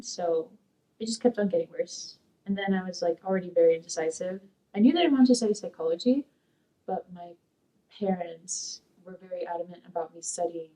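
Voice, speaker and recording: A woman's voice: fairly low pitch, mellow. Hesitant young woman, a bit distant. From Peru, raised in Sacramento. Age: young adult. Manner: rambling, hesitant, many fillers. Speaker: interviewee, community college student. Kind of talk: oral history interview. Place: dark studio, seated.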